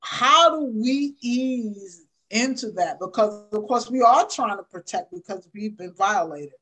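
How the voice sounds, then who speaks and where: A woman's voice: on the high side, lively intonation, a little slow, fairly bright tone, low-quality recording. A woman hosting a casual conversation, reflective and thinking aloud with frequent fillers. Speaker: host. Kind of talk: casual chat.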